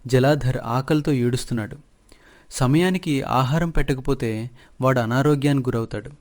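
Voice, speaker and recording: A man's voice: medium pitch, moderate pace, a little mellow, close to an everyday voice. A man voicing a poor young village wife who speaks anxiously and earnestly.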